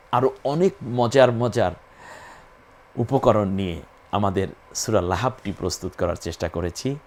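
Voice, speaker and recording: A man teaching Quran recitation, patiently spelling out and repeating each letter and sound in a methodical lesson. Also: on the low side.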